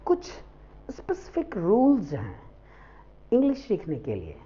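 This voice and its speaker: A woman's voice: mid-range voice, huge pitch swings, unhurried. A woman teaching a spoken English lesson, spelling words out letter by letter and mixing in Hindi. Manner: switches between English and Hindi. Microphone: faulty mic. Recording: dull lo-fi mic.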